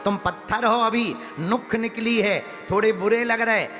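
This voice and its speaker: A preacher as a stern old-style sculptor. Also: male voice, high-pitched, unhurried, fairly bright tone, long reverb tail, faint music behind. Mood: coaxing. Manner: scolding, then coaxing. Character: stern, practical male sculptor.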